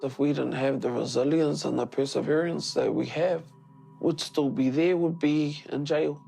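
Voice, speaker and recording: A man's voice: on the high side, fairly even intonation, normal speed, gravelly, mellow, soft background music, poor audio. A man speaking reflectively in an unscripted interview. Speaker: documentary participant.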